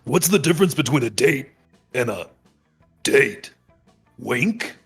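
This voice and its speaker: Brief: a man as a nosy, shouting coach, husky voice with a lively, swooping pitch. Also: fairly quick, soft background music, heavily acted. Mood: mock puzzled. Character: loud nosy male sports coach.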